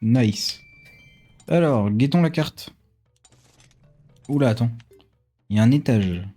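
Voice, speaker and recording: A man's voice: mid-range voice, lively intonation, takes it slowly, warm tone, soft background music. A man doing casual let's play commentary, thinking aloud in an informal, self-mocking way.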